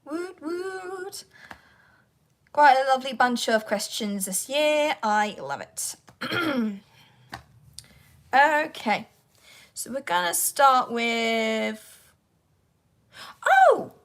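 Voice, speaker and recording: High-voiced, animated, and a bit bright, a woman voice actor hosts a casual livestream Q&A though her throat is sore, leaving her hoarse and croaky. She rambles without hurry, half to viewers and half to herself, as she wrestles with her devices.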